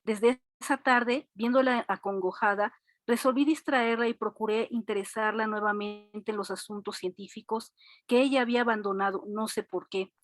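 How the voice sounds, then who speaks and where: Lively, higher-voiced woman reading. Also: moderate pace, no room sound. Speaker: student. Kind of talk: reading a story aloud.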